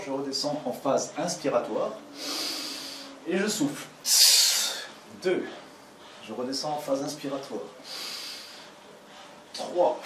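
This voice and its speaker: Guy counting ab reps and breathing cues, sounds far from the mic, echoey room. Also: medium pitch. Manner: counts reps while doing them, slow repeated cues. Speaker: fitness coach. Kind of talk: guided exercise instruction. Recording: roomy, off-mic with clear background noise.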